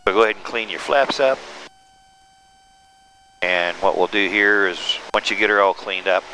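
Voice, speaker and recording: A man giving calm, step-by-step instructions as a flight examiner, talking over a pilot headset inside a small airplane. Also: fairly low pitch, normal speed, rough recording. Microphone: aviation headset. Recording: aircraft cockpit intercom with engine noise.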